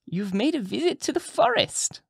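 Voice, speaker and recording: A man's voice: very high-pitched, very animated, moderate pace, gravelly, slightly rough, no room sound, clean studio sound, voice pushed up, heavily acted. A man voicing a grand, sly old witch woman who cackles and speaks with crafty knowingness. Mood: sly, insinuating.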